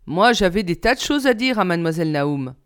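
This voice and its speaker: A woman's voice: fairly low pitch, animated, brisk, clear, resonant tone. Woman reading a novel aloud. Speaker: reader.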